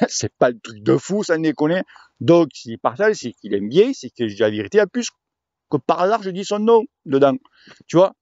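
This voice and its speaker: A man rants to his cycling viewers in a crude, slangy, rambling way. His voice sits a little high. The recording is dry and slightly dull. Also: big pitch swings, normal speed, a little mellow, no echo. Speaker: cycling vlogger. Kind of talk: casual rant to viewers.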